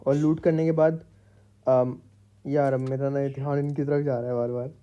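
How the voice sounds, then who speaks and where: In a medium-pitched, mellow voice with flat delivery at normal speed and dull audio, the gaming YouTuber voices over his gameplay from home, pet parrots in the room. He's chatty and jokey, addressing his viewers directly as his public.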